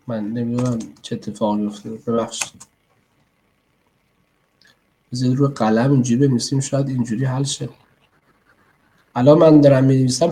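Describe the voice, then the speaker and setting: A man's voice: mid-range voice, dark tone. A man teaching parents in an online class over a computer mic. He explains in a conversational way and often checks in with his listeners. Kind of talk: online lecture.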